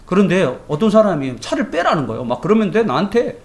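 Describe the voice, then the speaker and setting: Animated high-voiced male pastor. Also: quick pace. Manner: animated, colloquial, tells everyday anecdotes; asks the congregation rhetorical questions. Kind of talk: morning Bible devotion sermon.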